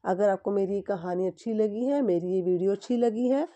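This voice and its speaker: A woman's voice: medium pitch, normal speed, mellow, lo-fi sound. A young woman teacher telling a story to children and explaining each line again in simple words.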